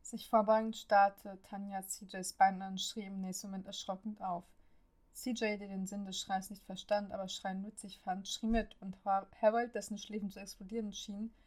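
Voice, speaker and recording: A woman narrating a story as an audiobook reader, reading with an even, steady delivery. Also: mid-range voice, moderate pace.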